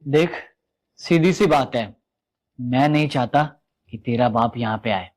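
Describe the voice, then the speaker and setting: A man's voice: medium pitch, measured pace, darkish tone, natural voice. An actor playing a domineering young husband who talks harshly and hurls insults at his wife and her father. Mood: angry.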